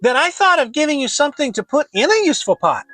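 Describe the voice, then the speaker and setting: Tiny nervous piglet for a storybook: squeaky, high-pitched, earnest and easily flustered. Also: big pitch swings, fast talker, fairly bright tone, soft background music. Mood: happy. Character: small timid young male piglet, anxious and eager.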